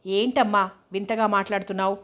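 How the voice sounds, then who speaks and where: A woman's voice: medium pitch, fairly even intonation, a little fast, a bit bright, lightly acted. A woman voicing a young adult son who is puzzled and wry, questioning in his manner.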